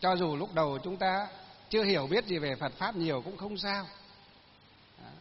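High-voiced monk giving a folksy sermon. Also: male voice, animated, normal speed. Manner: folksy storytelling, many fillers, laughs at own tales. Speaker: Buddhist monk. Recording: lo-fi recording with long hall reverb.

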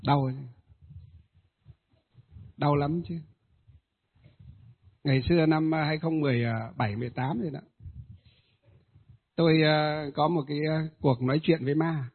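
A man, a Buddhist ritual master, tells a ghost story in a hesitant way, with many filler pauses. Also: on the high side, fairly even intonation, breathy edge. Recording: tinny phone-like audio.

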